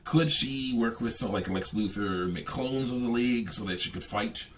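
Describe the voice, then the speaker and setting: A man reacts to a game in an unplanned, casual way, his medium-pitched voice a bit bright over slight background noise. His talk is halting and meandering, full of hums and chuckles.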